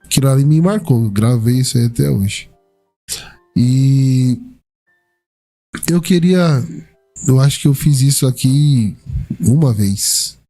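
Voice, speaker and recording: A man's voice: mid-range voice, takes it slowly, long pauses, dark tone, soft background music. A man with a Brazilian Portuguese accent hosting a casual church podcast interview, answering the guest with short church affirmations. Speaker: podcast host.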